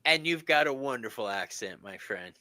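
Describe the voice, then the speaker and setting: A man's voice: mid-range voice, lively intonation, normal speed, bright, forceful tone, no echo. A man hosting a casual tarot reading stream, bantering in a giggly, self-mocking way. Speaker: tarot reader and stream host.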